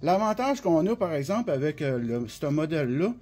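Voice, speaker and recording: Brisk and slightly mellow, a man's somewhat high voice swings widely in pitch as he explains a CB radio product step by step. He has a Québécois French accent and the flu, coughing now and then, and his colloquial demo, full of repetition, is captured on a phone he's holding.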